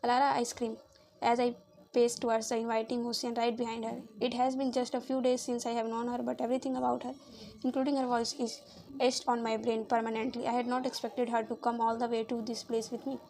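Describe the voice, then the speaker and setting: A woman reading a romance novel aloud in a steady, even way, now and then stumbling and re-reading a word. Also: a little high, brisk, poor audio. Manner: steady, even read-aloud delivery with small slips and re-reads. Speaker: audiobook reader.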